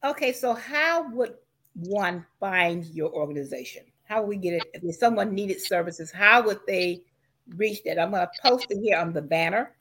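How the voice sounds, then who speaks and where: A woman's voice: medium pitch, animated, normal speed, fairly bright tone. A woman hosting a podcast, introducing and questioning a guest in a conversational interview style. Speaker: podcast host.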